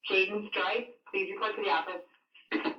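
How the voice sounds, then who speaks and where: A woman making a routine announcement from the school office over the intercom loudspeaker. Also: mid-range voice, steady tone, measured pace. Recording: dull, distant loudspeaker sound.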